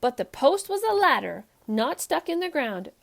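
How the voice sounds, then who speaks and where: With a high voice, a touch of vocal fry, and a moderate pace, this woman reads a storybook aloud on her children's show. She narrates expressively and with emphasis for a young audience.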